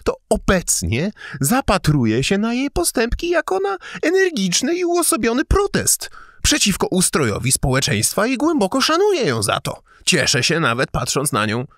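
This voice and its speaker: An excitable young idealist, as a male audiobook reader puts him on, preaching his ideas in a shrill, fervent voice. His pitch sits high and leaps about wildly as he protests. The recording is close and dry, with no room sound. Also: moderate pace, dry recording, full character voice. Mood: lecturing. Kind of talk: audiobook character reading.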